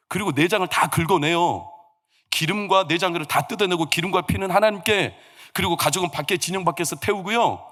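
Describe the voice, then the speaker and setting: A man's voice: fairly high pitch, a bit bright. A man, the senior pastor, preaching a sermon in a church sanctuary and telling stories with humor and acted quotes.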